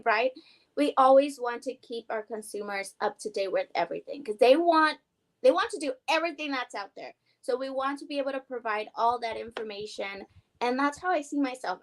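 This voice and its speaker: A woman's voice: a little high, low-quality recording. Upbeat, chatty woman interview guest. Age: young adult. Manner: excited, upbeat, talkative. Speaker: guest, award winner. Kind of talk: casual interview chat.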